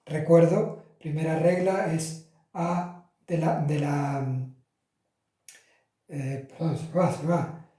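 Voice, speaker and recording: A man's voice: a little high, steady tone, takes it slowly, long pauses, mellow. Man teaching Italian in an echoey room. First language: Spanish. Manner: chatty, with fillers and self-corrections. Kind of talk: casual classroom explanation. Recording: roomy echo, from far off the mic.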